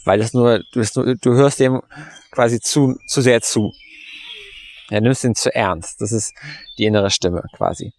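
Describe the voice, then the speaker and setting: A man's voice: mid-range voice, a little slow, darkish tone, no echo. A man hosting a podcast as a meditation coach, telling a story casually and in slangy words, with lots of fillers and restarts. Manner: rambling, heavy on fillers and restarts; colloquial, slangy.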